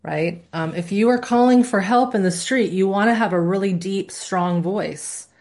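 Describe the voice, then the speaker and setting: A woman with a medium-pitched, somewhat dark voice speaks at a moderate pace. She's a course instructor leading a live class in a conversational style, regularly checking in with students, asking the class questions, and demonstrating voices.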